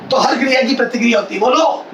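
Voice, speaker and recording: Speaking at a quick pace, a man lectures a room of students on physics in a loud, high, bright voice that borders on shouting. He repeats phrases, quizzes the class, and constantly checks they're following. The recording is distant and echoey, with a slight hiss in the background.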